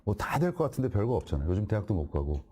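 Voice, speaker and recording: A man's voice: fairly low pitch, big pitch swings, very fast, a little mellow, breathy edge. A man speaking as a guest to an audience of parents, joking and directly asking them rhetorical questions. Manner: acts out dialogues, jokey and direct. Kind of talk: storytelling talk to an audience.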